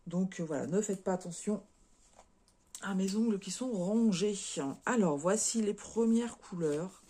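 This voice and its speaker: A woman's voice: mid-range voice, a little slow, mellow, slightly rough. A French woman chatting casually as a craft vlogger, showing and unboxing cross-stitch kits, with lots of fillers and repeated words.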